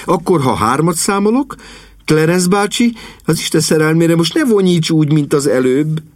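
A man voicing an excitable, bossy young woman, the lord's niece, in an audiobook reading. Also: a little high, dry recording, clean studio sound, voice pushed up, natural voice. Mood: bossy excited. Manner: eager, bossy.

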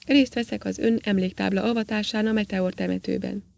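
A woman reads a resigned, uneasy male astronaut in a spoken story, hesitant and prone to stopping to correct himself. The tone is gravelly at a medium pitch. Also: fairly even intonation, darkish tone.

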